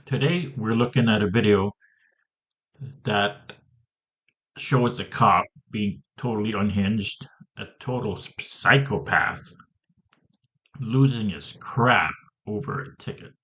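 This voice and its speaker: Host, man, low voice, snarky commentary. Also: slow pace, pauses often, a bit bright. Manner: sarcastic, mocking. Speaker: show host.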